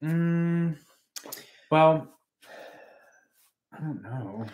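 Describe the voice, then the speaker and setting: A man's voice: fairly high pitch, expressive, drawn-out words, phone-quality sound. Co-host, man, 30s, easygoing rambler, kitchen webcam livestream. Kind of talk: casual livestream chat. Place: home kitchen, indoors.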